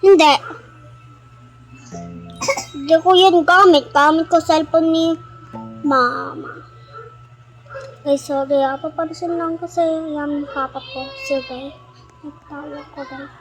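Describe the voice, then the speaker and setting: A young girl with a high, bright voice talks slowly and chattily into a phone while playing a game. She giggles and skips from one topic to the next. Faint music runs underneath. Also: steady tone, rough recording. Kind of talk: casual chat while gaming.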